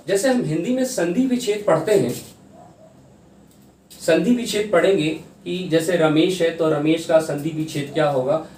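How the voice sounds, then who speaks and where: A man's voice: on the high side, dark tone. Male teacher lecturing in an echoey room. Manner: explains step by step, spells out sounds syllable by syllable. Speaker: English teacher. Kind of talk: Hindi-English mixed exam-prep lecture. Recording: roomy echo, distant mic, faint hiss.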